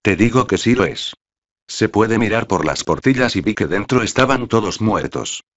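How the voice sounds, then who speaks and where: A man voicing an anxious, excitable young boy who speaks urgently and insistently. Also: lowish voice, normal speed. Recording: dull lo-fi audiobook recording.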